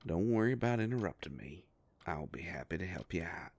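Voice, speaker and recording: A man brings a low-pitched, gravelly, fully committed character voice to a kindly werewolf private investigator in an intimate audio drama. He speaks briskly with lively intonation, a darkish tone and an easygoing folksiness, sounding protective, reassuring and businesslike.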